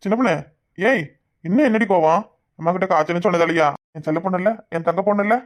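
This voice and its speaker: A coaxing young village husband, played by a voice actor in a cartoon, with a Kanyakumari Tamil accent. He talks very fast in a middle pitch, pleading and sweet-talking. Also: close to an everyday voice.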